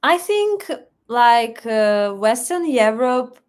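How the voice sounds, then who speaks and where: Reading viewers' questions from the chat and thanking them for donations, a young woman with a Russian accent hosts a casual live stream. Her voice is fairly high and very animated, yet she speaks very slowly.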